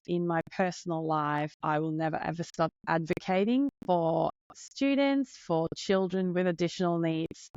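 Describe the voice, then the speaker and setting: A Finnish woman in her thirties hosts her own podcast alone, speaking with a Finnish accent in an earnest, heartfelt and openly nervous manner. Her voice is lowish and clean, with no room sound, though the audio is dull.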